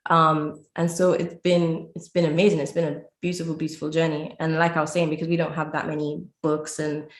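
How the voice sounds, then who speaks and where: A woman's voice: sits low, little pitch movement, brisk. A woman from Lucia, answering conversationally as an interview guest who teaches language. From Saint Lucia. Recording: roomy, echoey sound.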